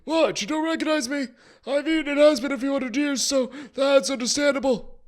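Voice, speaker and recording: A crazed ancient wizard rambles in a piercingly high, cracking register far above any ordinary speaking voice. He trails off mid-thought, circles back, and bristles at any slight. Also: fairly quick. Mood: shrill rambling. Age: older. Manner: scatterbrained, indignant, rambling with trailing restarts. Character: mad, rambling ancient human wizard man.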